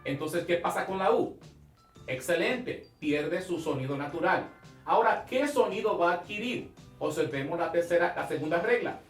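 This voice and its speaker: Guy teaching english pronunciation on tv, slow and emphatic, kinda far from the mic, echoey room. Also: fairly high pitch, expressive, faint music behind. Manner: slow, emphatic, drawing out key sounds; asks questions and praises the viewer. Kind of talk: televised classroom lesson.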